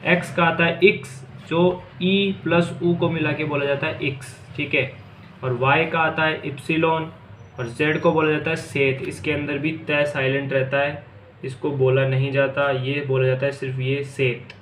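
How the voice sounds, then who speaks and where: A man's voice: a little high, level tone, moderate pace, fairly bright tone, a little hiss or hum. A man teaching a language lesson to students, patient and repetitive, stretching out key words. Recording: echoey room with faint ambience.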